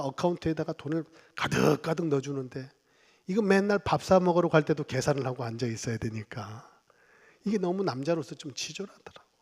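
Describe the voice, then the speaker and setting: A man in his fifties, a pastor giving a Sunday sermon in a chatty, humorous way, with sudden loud bursts of emphasis. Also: on the high side. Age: 50s. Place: church sanctuary. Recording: reverberant church hall.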